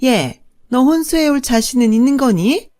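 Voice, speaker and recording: A woman voicing a snobbish, scheming stepmother-in-law who talks in a shrill, condescending way. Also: expressive, moderate pace, mellow, dry recording, studio quality. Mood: sneering.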